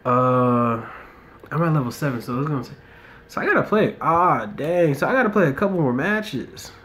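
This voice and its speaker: Indoors, a young man from the US keeps up relaxed chatter over a mobile football game, punctuated by mumbled asides and periodic rants. His pitch is fairly high, his speed normal, and there's a little background noise.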